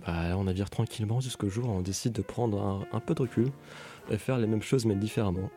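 A man's voice: on the low side, fast talker, dark tone, faint music behind. A young man reading a humorous, ironic radio column with playful asides.

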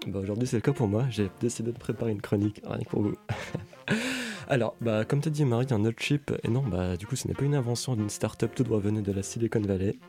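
A man's voice: fairly low pitch, animated, fast, dark tone, soft background music. A young man reading a humorous, ironic radio column with playful asides.

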